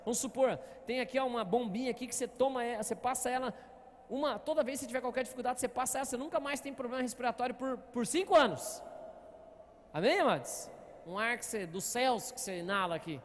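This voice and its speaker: A man's voice: very high-pitched, fast, big-room sound. A man preaching as pastor, telling stories and often asking the congregation to answer back. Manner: storytelling, often asking the congregation "Amém, amados?". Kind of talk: sermon. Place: church hall.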